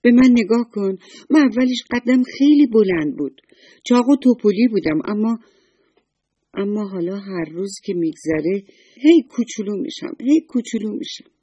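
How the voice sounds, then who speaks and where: A woman voicing a small, timid snowman who talks in a high, pleading, tearful way in a children's story. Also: lively intonation, warm tone, husky, no echo, highs cut off.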